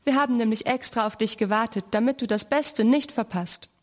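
Eager little boy, read by a woman, raised voice, excited, storybook reading. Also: fairly high pitch, fairly quick, lightly acted.

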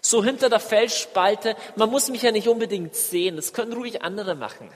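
High-voiced preacher in a reverberant hall. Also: male voice, fairly quick. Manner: animated, asks the listeners many direct questions. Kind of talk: sermon. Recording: long reverb of a large hall.

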